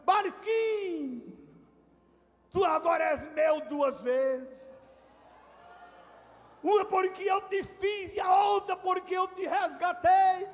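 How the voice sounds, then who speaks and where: A man playing a young boy with a very high, strained voice who cries out and pleads over his lost toy boat. He speaks, and the words ring out through a hall with a long echo. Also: normal speed, lo-fi sound. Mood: overjoyed. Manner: exclaiming, pleading.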